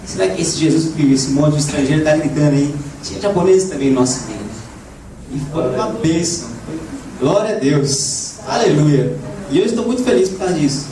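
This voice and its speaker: A slightly hoarse man preaching a lively sermon to a congregation, often asking "né?" and rising into shouts. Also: a little high, a little fast. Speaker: evangelist preacher. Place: church hall. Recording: echoey church room, voice from far off, background noise.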